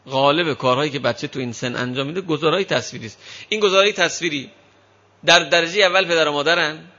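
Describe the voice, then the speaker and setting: A man giving a talk on raising children to an audience. He tells lively stories and acts out the voices of parents and children. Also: on the high side, dull audio. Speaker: parenting lecturer. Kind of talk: speaking to an audience on child upbringing.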